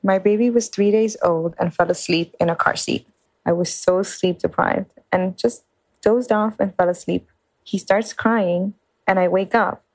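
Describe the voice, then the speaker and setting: Mom telling an animated story, dry sound. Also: female voice, mid-range voice, no room sound, rough recording. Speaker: mother sharing a story. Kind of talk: recorded anecdote.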